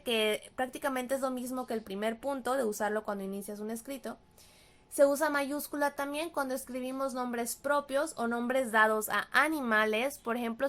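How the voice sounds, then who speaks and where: A woman with a Mexican Spanish accent and a high voice leads a writing workshop. Her delivery is scripted and explanatory, clear and careful, and she slows down to spell out examples. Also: fairly bright tone. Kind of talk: scripted teaching narration.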